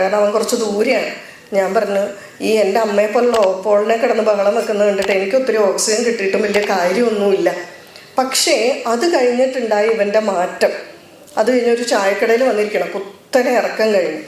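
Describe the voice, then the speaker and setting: A woman's voice: on the high side, darkish tone. Woman, middle-aged, devotional talk in an echoey hall, storytelling speaker. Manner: storytelling, quoting others in dialogue. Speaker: speaker at a religious gathering. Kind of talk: devotional speech with personal story.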